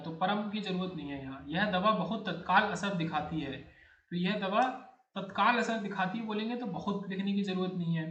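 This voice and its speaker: A man with a high voice teaches an exam-prep grammar lesson. He works through each answer step by step and repeats words as he checks them. The sound is roomy, with a clear echo around him. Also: fairly bright tone. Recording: echoey room.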